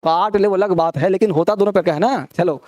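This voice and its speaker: A man's voice: high-pitched, fairly quick, darkish tone, dry recording, clean studio sound. A man teaching an English grammar class, teasing and scolding his students as he quizzes them with rhetorical questions. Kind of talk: classroom lecture.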